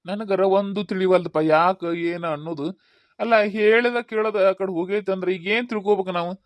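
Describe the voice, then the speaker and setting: A woman's voice: mid-range voice, a little fast, no room sound, lightly acted. A woman with a North Karnataka Kannada accent, playing a worried old village father-in-law in a comedy skit, rambling and repeating her questions. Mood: worried, bewildered.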